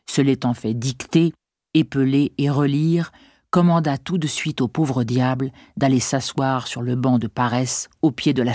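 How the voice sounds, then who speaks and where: A measured, expressive reader narrating a classic novel as an audiobook. The voice sits in a middle register and sounds dry and close, with no room around it. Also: medium pitch, dry recording. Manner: measured, expressive literary reading.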